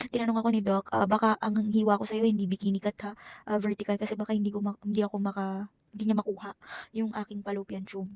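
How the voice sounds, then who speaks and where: Young woman vlogger, gravelly voice, dry close sound, emotional personal story. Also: mid-range voice, a little mellow, no room sound. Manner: emotional, Taglish code-switching, chatty asides.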